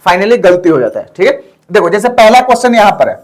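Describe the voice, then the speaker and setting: A man's voice: sits high, big pitch swings, quick pace. A man teaching a chemistry lesson in speech, mixing in English terms and explaining step by step with frequent check-ins. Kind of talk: classroom lecture.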